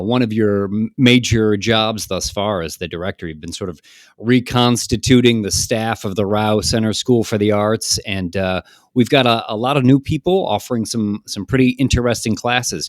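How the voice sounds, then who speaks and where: A man's voice: medium pitch, no room sound, studio quality. A man hosting a casual podcast interview, feeling out his questions with repeated words. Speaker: podcast host.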